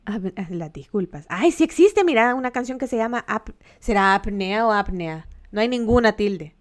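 A woman's voice: medium pitch, lively intonation, normal speed. A woman with a Mexican accent chatting casually on a livestream, joking with her viewers and laughing often.

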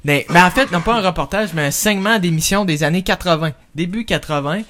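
A Québécois man co-hosting a comedy podcast in a fairly high voice. He rambles and restarts his sentences, tossing in quick asides between thoughts. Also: a bit bright. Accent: Québécois French. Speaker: podcast co-host. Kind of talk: casual comedy podcast chat.

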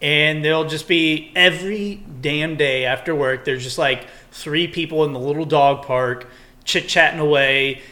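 A young man co-hosts a podcast in casual chat, his slightly high voice at a measured pace. He rambles, swears freely, and gets animated when he launches into a rant.

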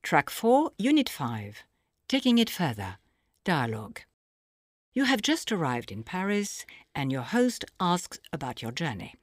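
A woman narrating a scripted audio language lesson, explaining phrases slowly and clearly for the listener to repeat. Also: lowish voice, big pitch swings, no echo, studio quality. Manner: slow, clear teaching delivery with pauses for repetition.

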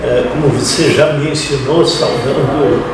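A man with a southern Brazilian accent telling his story as an interview guest, reflective and halting, pausing mid-phrase. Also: medium pitch, fairly even intonation, heavy background noise. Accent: southern Brazilian, Rio Grande do Sul. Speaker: interview guest, family farmer. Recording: very echoey hall, distant mic, crowd murmur.

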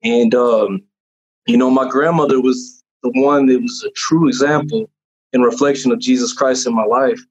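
A man's voice: mid-range voice, moderate pace, husky. A young man tells his personal testimony in a casual chat, in an earnest, rambling way with many fillers and restarts. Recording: dull lo-fi sound.

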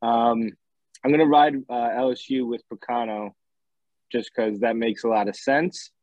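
A man's voice: mid-range voice, fairly even intonation, normal speed, darkish tone, no echo, low-quality recording. A man on a casual college football betting podcast, laid-back and rambling as he explains his picks. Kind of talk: casual sports betting chat.

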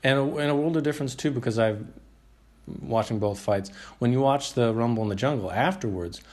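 A man's voice: medium pitch, fairly quick, darkish tone. A man hosting a podcast, sharing his research in a casual, thoughtful way. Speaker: podcast host. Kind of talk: casual chat.

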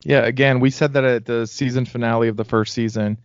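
A man chatting casually while watching a TV show, with quick questions and sarcastic commentary. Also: medium pitch, fairly even intonation, no room sound. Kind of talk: casual chat. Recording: dull lo-fi dry sound.

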